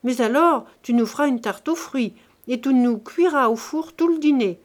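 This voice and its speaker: A woman's voice: high voice, moderate pace, voice pushed up, natural voice. A woman reading the lines of a stingy old man who gives curt, dismissive orders. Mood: stern. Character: stingy old male miser, curt and commanding.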